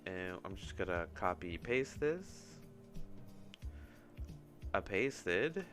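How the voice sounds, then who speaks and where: In a relaxed screen-share livestream, an animator murmurs to himself as he works through each step. He sounds low and a bit bright, very animated yet unhurried, over background music.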